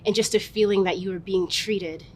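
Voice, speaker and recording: A woman's voice: fairly even intonation, moderate pace. A woman telling personal stories as an interviewee in a thoughtful, conversational way. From Massachusetts, US, West African parents. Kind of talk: reflective personal storytelling. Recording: noticeable background noise, low rumble.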